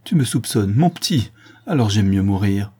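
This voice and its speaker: A man's voice: medium pitch, fairly even intonation, brisk, warm tone, slightly rough, voice pushed up, lightly acted. A man voicing a frightened, tearful old woman nurse in an audiobook, pleading and stammering. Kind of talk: audiobook character reading.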